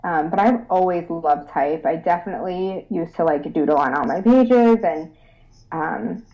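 A woman's voice: lowish voice, normal speed, warm tone. A young adult woman from Rochester, New York, speaking as a guest in a casual interview, bubbly and eager, laughing often. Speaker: guest designer. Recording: dull lo-fi sound.

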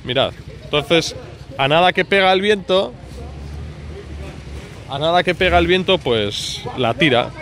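A motorcycle vlogger offers chatty, colloquial off-the-cuff commentary outdoors in a street parking area, recorded on a handheld phone or camera he stands behind amid noisy urban street sound. His voice is a little high and fairly bright, with lively intonation, an unhurried pace, and long pauses.

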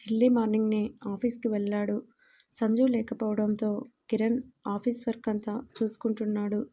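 Soft-toned woman reading a love story. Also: mid-range voice, level tone, normal speed. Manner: reads every part in her own voice with little change; occasional small slips and self-corrections. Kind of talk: scripted story narration.

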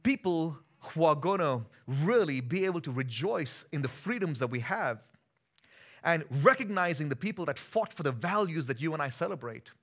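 The voice is a little high and expressive, at normal speed: a pastor in his thirties from India with an Indian accent, delivering a sermon on a church stage. He alternates between easy conversation and strong, emphatic preaching.

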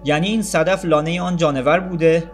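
A man's voice: on the high side, fairly even intonation, faint music behind, voice pushed up, close to an everyday voice. A man voicing a curious, eager little boy stuck in bed in an audiobook story, full of questions.

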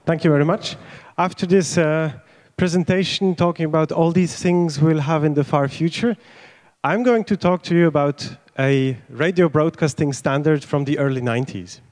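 Higher-voiced man giving a technical talk. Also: moderate pace, a little mellow. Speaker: conference speaker. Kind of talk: informal technical presentation. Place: stage in a large event tent. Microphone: handheld microphone.

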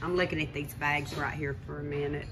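A woman's voice: low-pitched, little pitch movement, a little fast. A woman, filming on a handheld phone as she browses a gift shop and chats casually. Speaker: vlogger filming while shopping. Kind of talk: casual chat. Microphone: handheld phone camera.

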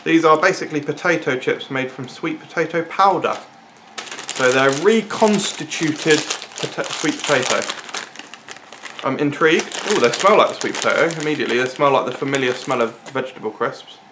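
A man's voice: a little high, moderate pace, background noise. A British man in his thirties giving a casual, informal food review to camera, thinking aloud in a living room. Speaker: food reviewer, video host. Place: small living room, sofa, indoors.

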